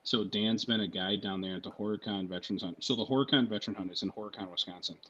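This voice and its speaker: A military veteran guest telling stories on a podcast in a casual, profane, rambling way, often checking in with "right?" and "you know what I mean?". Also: male voice, on the low side, fairly even intonation, fast talker, a bit bright, husky, muffled recording.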